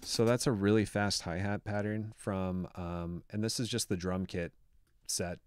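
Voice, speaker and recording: Chatty low-voiced male music producer. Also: fairly even intonation, measured pace, clear, resonant tone, no room sound. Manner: chatty and enthusiastic, many "like" fillers. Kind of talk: casual production walkthrough. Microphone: studio microphone.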